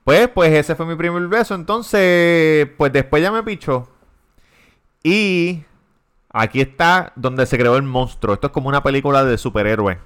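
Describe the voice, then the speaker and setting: Young Puerto Rican male podcast host, smooth clear tone, profane storyteller. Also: a little high, moderate pace, fairly bright tone. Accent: Puerto Rican Spanish. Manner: storytelling, swears freely, laughs often. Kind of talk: casual podcast chat.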